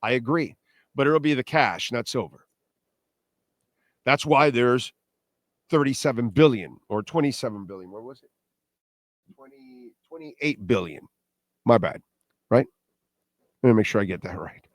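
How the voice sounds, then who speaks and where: A man with a mid-pitched voice hosts a show in a casual, opinionated monologue. He talks straight to viewers, blunt and emphatic, repeating points and throwing out rhetorical questions. The sound is dry and close, with little room to it. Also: lively intonation, a little slow, pauses often, no room sound. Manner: blunt, self-deprecating, salty slang. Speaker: host of a crypto show.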